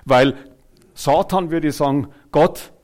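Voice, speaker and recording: A man delivering a sermon, speaking to the listeners directly and swinging from loud, emphatic phrases to quiet ones. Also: mid-range voice, normal speed. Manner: animated, swings between loud and soft, chuckles. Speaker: preacher.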